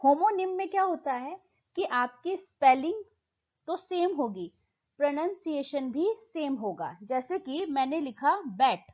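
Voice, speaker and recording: A woman teaching exam prep, affectionately addressing students and repeating each point, reading English questions out slowly. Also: sits high, darkish tone, highs cut off. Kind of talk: explaining lesson in Hindi mixed with English.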